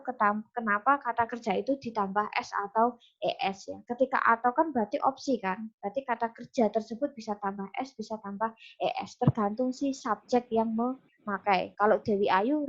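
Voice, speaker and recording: A woman with an Indonesian accent gives an online lecture. Her voice sits a little high, and the audio is dull and lo-fi. She explains patiently, with frequent fillers and self-corrections. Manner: explanatory, many fillers and restarts. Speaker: English lecturer.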